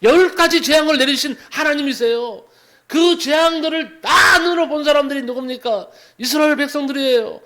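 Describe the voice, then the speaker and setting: A male pastor delivering a sermon, preaching dramatically with loud exhortations and hushed asides. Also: very high-pitched, brisk, background noise.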